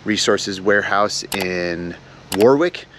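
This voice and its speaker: A man's voice: low-pitched, takes it slowly, fairly bright tone, a little hiss or hum. A man in his thirties hosting a casual, upbeat walk-through tour of a large warehouse on a lapel mic. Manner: upbeat, enthusiastic. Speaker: vlog host.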